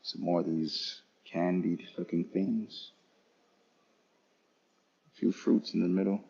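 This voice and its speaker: Low gravelly man touring a lounge. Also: fairly even intonation, mellow, dull audio. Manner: casual, unhurried, talking to chat viewers. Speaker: travel vlogger. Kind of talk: live-streamed lounge walkthrough. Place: airport lounge.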